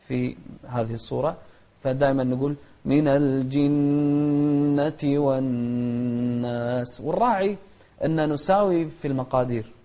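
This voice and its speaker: A man teaching Quran recitation rules. He gives brisk explanations and breaks them with slow, chanted examples. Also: mid-range voice, gravelly, warm tone, lo-fi sound. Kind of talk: tajweed lesson with demonstrated recitation.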